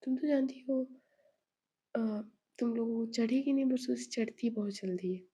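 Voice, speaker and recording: A woman's voice: on the high side, moderate pace, warm tone, breathy edge. A woman reading a storybook voicing an elderly grandmother who speaks firmly and protectively. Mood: cautious. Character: stern but caring elderly grandmother.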